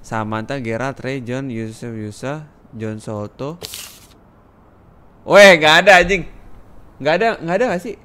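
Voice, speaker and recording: A young man from Indonesia with a Jakarta slang accent, commenting loudly on a horror game he plays live, often shouting and swearing. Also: mid-range voice, a little slow, pauses often, clean tone. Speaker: game streamer.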